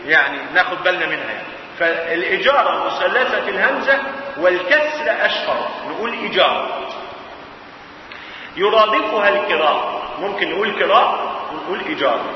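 Egyptian male professor, high voice, rhetorical questions to students, recorded from far off in a booming hall. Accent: Egyptian Arabic. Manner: asks rhetorical questions and answers them himself. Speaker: Islamic jurisprudence professor. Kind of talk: colloquial classroom lecture. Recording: echoey hall, far mic, dull, hiss.

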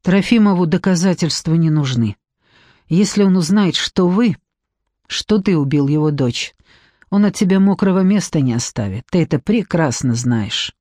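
A woman's voice: lowish voice, expressive, normal speed, dark tone, dry recording, studio quality. A woman reading an audiobook, voicing a defiant young former nanny who speaks with scorn.

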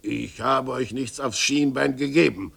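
A man voicing a gruff, grumbling old male carpenter in a radio story reading. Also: medium pitch, sing-song, slow, sharp tone, heavily acted.

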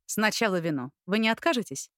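A woman's voice: medium pitch, lively intonation, no echo, studio quality, natural voice. A woman voicing a composed, guarded young businessman. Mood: reserved. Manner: measured, formal, reserved.

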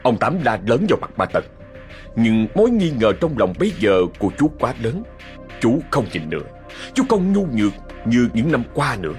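A man narrating a ghost story in a measured, dramatic storytelling way. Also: mid-range voice, very animated, faint music behind.

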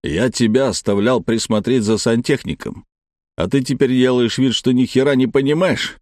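A man's voice: mid-range voice, moderate pace, darkish tone, no room sound, clean studio sound, lightly acted. A man reading the part of a stubborn, short-tempered middle-aged father in an audiobook. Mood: angry. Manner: growling, angry.

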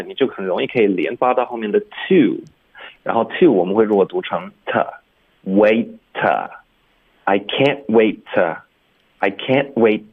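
A man teaching English pronunciation on a radio lesson, explaining in Chinese and slowly repeating English sounds. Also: on the low side, husky. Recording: phone-like narrow-band radio sound.

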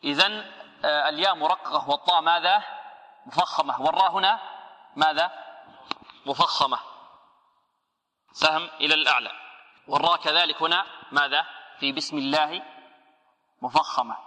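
Male Quran teacher, bright and raised pitch, drills pronunciation slowly, long hall reverb. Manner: asks the class questions, then answers them himself; slowly models each word and corrects errors. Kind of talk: tajweed lesson.

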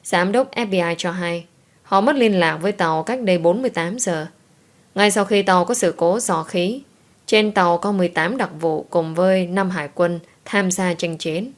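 A woman reading an audiobook voices a formal TV news anchor who announces in a steady tone. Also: fairly low pitch, normal speed, close to an everyday voice.

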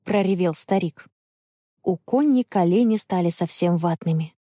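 A woman telling a children's story in measured, expressive audiobook narration. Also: on the low side, no room sound, clean studio sound.

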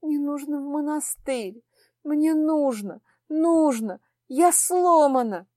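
Female reader doing a fragile young princess, trembling and pleading, a bit high, storybook. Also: lively intonation, unhurried, dark tone, no echo, studio quality. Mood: distraught. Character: distraught young princess, fragile, near hysterics.

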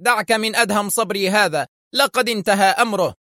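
A man doing a shrill, furious spy boss. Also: brisk, no room sound, studio quality. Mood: tense. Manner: sharp, shouting, menacing. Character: furious scheming male crime boss and spy. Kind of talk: audiobook character voice.

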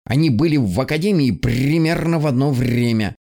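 A man voicing a grumpy male talking raven in an audiobook, slow and insistent. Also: mid-range voice, gravelly, warm tone, close to an everyday voice.

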